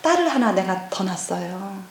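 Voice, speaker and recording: A middle-aged pastor's wife gives a lively personal testimony at a church seminar, acting out conversations from her past. Her voice is mid-range and her speed normal, recorded in an echoey church hall.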